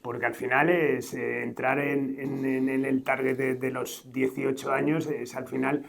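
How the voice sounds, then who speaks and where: A man's voice: medium pitch, little pitch movement, a little slow, vocal fry. A man from Madrid speaking on a conference panel, hesitant and repeating words while he searches for them. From Madrid, Spain. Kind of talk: conference talk.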